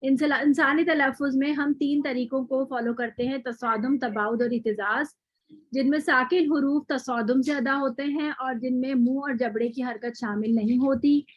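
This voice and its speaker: High-voiced woman teaching tajweed. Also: fairly even intonation, dry recording, highs cut off. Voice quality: patient, repeats example words slowly. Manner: frequent fillers and self-corrections. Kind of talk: online lecture with recap.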